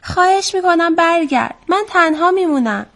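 A woman voicing an excitable, boastful little toad in a children's story, calling out eagerly and showing off. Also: a little high. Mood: frantic.

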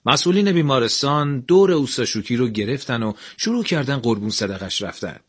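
A man tells a scripted radio story at a measured, even pace. His voice sits in the middle range with a husky grain. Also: mid-range voice.

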